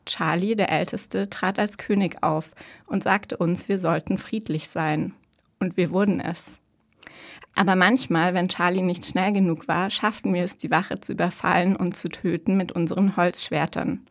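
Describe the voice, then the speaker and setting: A woman reading a story as a calm, measured audiobook narrator. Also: lowish voice, gravelly. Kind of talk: scripted narration.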